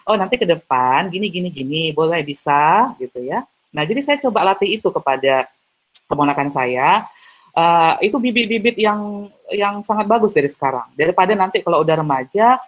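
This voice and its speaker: A man giving an online seminar talk over a video call, chatty and full of tag fillers. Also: on the high side. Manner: chatty, heavy use of tag fillers, acts out little dialogues. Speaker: seminar speaker.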